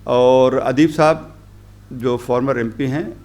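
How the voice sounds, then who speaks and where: A middle-aged man giving a workshop talk as a journalist, rambling through his points with many pauses and English phrases mixed in. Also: mid-range voice, fairly even intonation, darkish tone. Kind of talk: workshop lecture. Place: conference hall.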